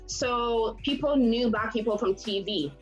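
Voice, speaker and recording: A woman's voice: a little high, a little slow, lo-fi sound, soft background music. A woman from Canada, outgoing and direct in a casual podcast discussion. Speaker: podcast co-host.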